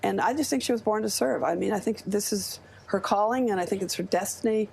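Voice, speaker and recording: A woman's voice: medium pitch, a little fast, creaky, darkish tone, husky. An American woman in her seventies, a studio guest speaking earnestly and with conviction in a live TV news interview. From United States. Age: 70s.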